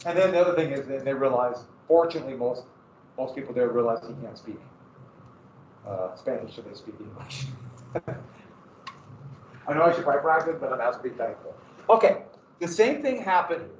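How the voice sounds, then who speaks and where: Speaking fairly quickly in an animated, medium-pitched voice with many pauses, a Montana-accented teacher delivers a rambling, self-deprecating history lecture in a casual tone. The classroom audio is echoey, dull, distant, and carries a little hiss or hum.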